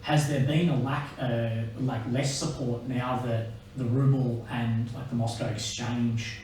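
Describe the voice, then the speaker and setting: A man's voice: medium pitch, steady tone, a little slow, a little mellow. A man interviewing conversationally, putting tentative, carefully worded questions. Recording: very echoey, distant, faint noise.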